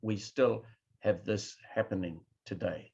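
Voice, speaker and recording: This keynote speaker, a New Zealander addressing an online conference, asks his listeners to react from time to time. His lowish voice is unhurried, a little mellow and breathy, and the audio lacks high frequencies.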